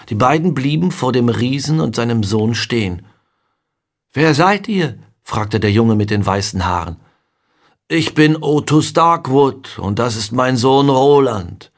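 A man narrating a fantasy audiobook in a measured, calm reading. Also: fairly low pitch. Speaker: audiobook reader.

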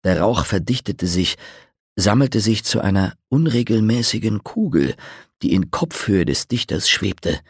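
Man, audiobook narrator, lively intonation, dry studio sound, fantasy storytelling. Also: fairly low pitch, a little slow, slightly rough, no room sound. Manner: expressive storytelling, vivid.

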